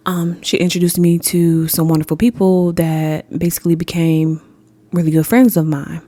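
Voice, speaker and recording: Young woman podcast host; casual, blunt, profane, laughs easily; warm low voice, dry recording. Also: little pitch movement, moderate pace, no room sound. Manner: candid, swears freely, laughs often, addresses listeners as y'all.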